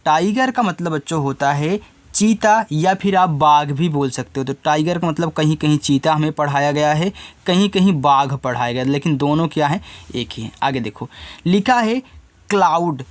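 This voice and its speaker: A male teacher teaching children, spelling words slowly letter by letter and repeating the answers. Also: a little high. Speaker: English teacher.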